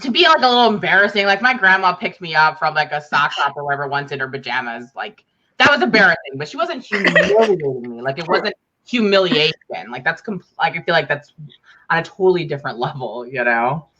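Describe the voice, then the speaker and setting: Woman, sharp bright voice, muffled call audio, casual chatty talk. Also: sits low, animated. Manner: quick, casual, filler-heavy talk. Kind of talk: casual group video chat.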